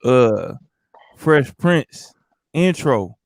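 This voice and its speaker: A man's voice: medium pitch, big pitch swings, very slow, creaky, a little hiss or hum. A man hosting a stream, chatting casually in a laid-back, slangy way. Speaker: stream host. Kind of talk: casual chat.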